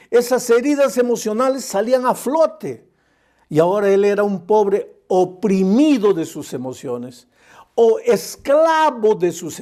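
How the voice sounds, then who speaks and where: A man's voice: sits high, dark tone. Older male pastor preaching with passion. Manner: impassioned preaching, acts out quoted voices. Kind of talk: sermon.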